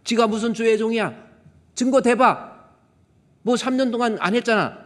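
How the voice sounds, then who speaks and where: A man's voice: very high voice, moderate pace, a bit bright, voice pushed up. A man voicing a resentful churchgoer who mockingly scoffs at a preacher, in a raised voice. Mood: scoffing. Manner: mocking, indignant.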